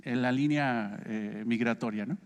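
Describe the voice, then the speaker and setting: Teaching a Bible study, a Mexican-accented pastor keeps things conversational and poses questions to his listeners. He speaks at a measured pace in a medium-pitched voice, with a big-room sound.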